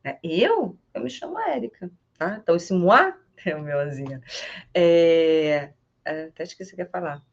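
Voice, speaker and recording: Chatty woman teaching French, lo-fi sound. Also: fairly low pitch. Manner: chatty and animated, repeats French phrases slowly, laughs often. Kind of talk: casual online French lesson. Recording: slightly dull lo-fi sound.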